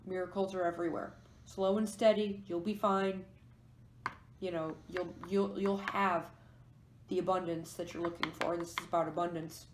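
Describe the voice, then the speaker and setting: A woman's voice: lowish voice, fairly even intonation, normal speed, noisy background. Woman doing a tarot reading, echoey room. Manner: musing, explains each card as she goes. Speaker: tarot reader. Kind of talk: pick-a-card tarot reading to camera.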